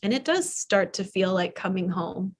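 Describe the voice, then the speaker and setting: In a live online or studio class, a woman leads yoga nidra, guiding a relaxation softly and soothingly with long pauses. Her voice is mid-range and animated.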